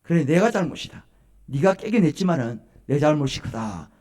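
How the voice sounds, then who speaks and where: A man's voice: a little high, sing-song, normal speed, a little mellow. A man voicing an older woman, a mother-in-law, in an acted quote within a sermon. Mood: apologetic.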